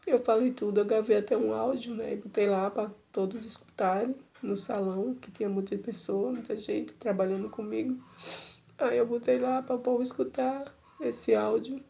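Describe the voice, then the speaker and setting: A woman's voice: a little high, fairly even intonation, moderate pace, creaky, dark tone. A middle-aged woman giving an emotional personal church testimony, repeating herself and addressing listeners tenderly.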